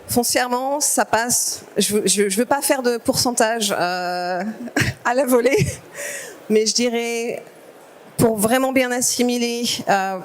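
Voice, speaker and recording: A woman's voice: medium pitch, darkish tone. A woman speaking at a conference, answering audience questions in an explanatory way with many fillers and restarts. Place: conference stage.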